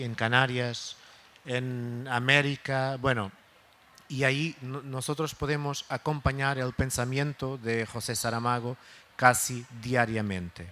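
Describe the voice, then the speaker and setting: A man's voice: mid-range voice, a bit bright. A man, a native Portuguese speaker, talking in Spanish with a Portuguese accent as a guest at a book event, hesitant and searching for words. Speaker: guest speaker, literary foundation director. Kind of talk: talk at a book fair event.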